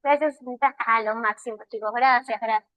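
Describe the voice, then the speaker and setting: A woman's voice: fairly high pitch, fairly even intonation, brisk, a bit bright, no echo. A woman, a language teacher giving a live online class, explaining step by step and often checking that students follow. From Peru. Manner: explanatory, checks understanding with frequent "right?".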